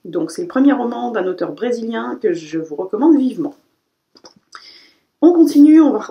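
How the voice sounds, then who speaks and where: Woman doing a book haul, mellow warm voice, chatty, lots of little self-corrections. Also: medium pitch. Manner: chatty, self-correcting, frequent "euh" fillers. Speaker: book vlogger. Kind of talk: casual book haul review.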